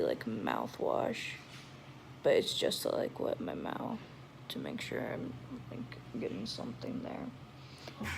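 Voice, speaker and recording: Tired, creaky-voiced young woman, weak after surgery. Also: very deep voice, slight background noise, low-quality recording. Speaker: patient vlogger. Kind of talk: casual personal vlog. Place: hospital room.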